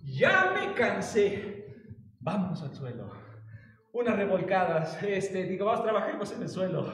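A man's voice: high-pitched, expressive, normal speed, darkish tone. A man with a Mexican accent leading a live exercise class, playful and coaxing as he calls out counts and cues. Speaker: fitness instructor. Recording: echoey hall from far off.

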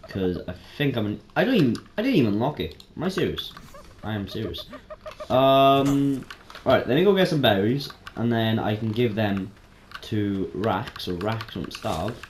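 A man giving casual, chatty let's-play commentary as a game streamer, excitable and prone to sudden startled yelps. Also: lowish voice, moderate pace. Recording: roomy echo, faint noise.

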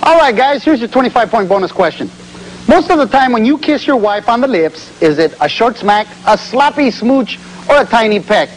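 A man's voice: extremely high pitch, expressive, moderate pace. A man hosting a game show with playful banter, recorded in a television studio. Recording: noisy TV studio with audience.

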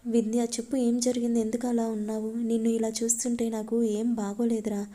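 A woman's voice: on the high side, little pitch movement, brisk, mellow, close to an everyday voice. A woman voicing a tender, reassuring young man comforting his girlfriend. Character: caring young man, protective boyfriend.

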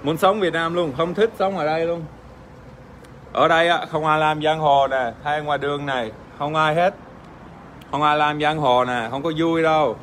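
Aussie guy streaming, chats with fans in halting second language, swears for laughs, bit high voice, faint hiss behind. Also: fairly even intonation, a bit bright. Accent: Australian. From Australia. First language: English. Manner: crude, joking, swears playfully, halting with fillers. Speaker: livestream host. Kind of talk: casual livestream chat reading fan comments.

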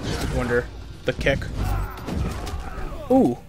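A young let's play gamer comments casually on a fighting game while playing, groaning and muttering at every setback. His medium-pitched voice is very animated, though he takes it slowly. Game music and sound effects play behind him.

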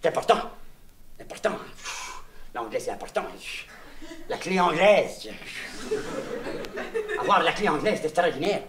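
Speaking in a fairly high, very animated voice, this Québécois comedian takes his time, leaving long pauses while his childlike vagabond clown confides in the listener with puns and garbled words. It's a rambling comic monologue with crowd noise, heard on an old LP that's noisy, distant and full of echo.

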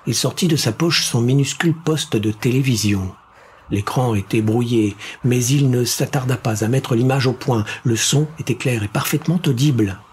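Man, audiobook narrator, mid-pitched voice, steady suspenseful reading. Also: moderate pace, slight background noise. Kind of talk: scripted narration.

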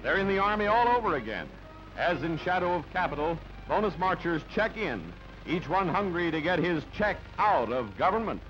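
Over background music on a dull, band-limited old newsreel soundtrack, a man delivers scripted narration in a clipped, punchy, dramatic style. His voice sits high with a sing-song lilt, and his pace is moderate.

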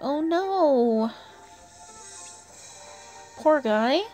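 A mellow, high female voice with lively intonation speaks very slowly through her gameplay, chatty and casual, often addressing herself or the characters on screen. She's the channel host, voicing over indoors with faint game music.

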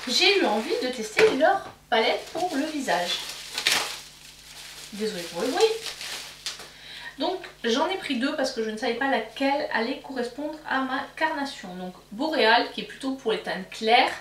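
Casting note: relaxed beauty vlogger, fairly high voice, a bit distant from the mic. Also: female voice, moderate pace, very noisy. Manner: chatty, self-mocking, with frequent fillers. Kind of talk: casual makeup haul show-and-tell. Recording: roomy, somewhat distant mic.

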